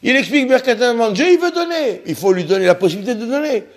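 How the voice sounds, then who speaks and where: A man giving a religious lesson on prayer, impassioned, repeating himself and slowly sounding out Hebrew syllables. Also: very high voice, expressive. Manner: impassioned, repeats himself, stumbles and restarts words. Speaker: rabbi teaching on prayer.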